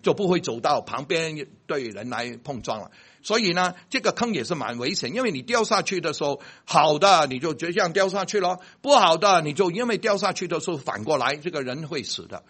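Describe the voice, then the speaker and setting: A man animatedly tells a personal faith story about a car accident, checking that his listeners are following and tripping over words when he gets excited. His voice is a little high, brisk, and slightly rough.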